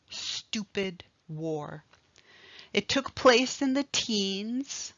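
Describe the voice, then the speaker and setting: Slow, deliberate woman lecturer. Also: medium pitch, no room sound. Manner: slow, deliberate, emphatic explaining. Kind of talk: recorded history lecture. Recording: dry, slightly dull lo-fi recording.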